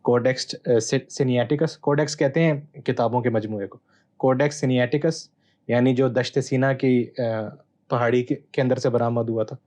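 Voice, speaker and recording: A man appearing as a guest Bible scholar explains texts in a measured, teacherly manner, pausing hesitantly as he answers interview questions. His voice is medium-pitched, steady in tone and a little mellow.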